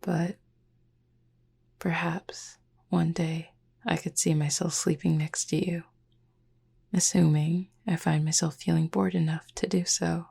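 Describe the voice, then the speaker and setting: With a low-pitched, husky and breathy half-whisper, a woman gives full character voice to a calm, proud yet caring cupid roommate in a whispered roleplay for sleep. She phrases things in a formal, measured, gently teasing way, and the mood feels aloof and softly teasing.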